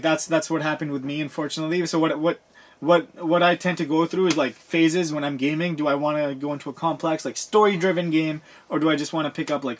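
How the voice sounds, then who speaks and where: A man co-hosting a casual podcast chat, telling his own stories in a relaxed, conversational way. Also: a little high. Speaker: podcast co-host.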